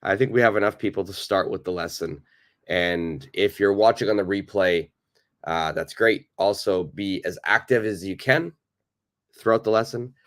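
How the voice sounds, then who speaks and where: Hoarse from a cold, this man has a fairly low but slightly bright voice. He's running a live online English class, welcoming viewers and going over points again slowly.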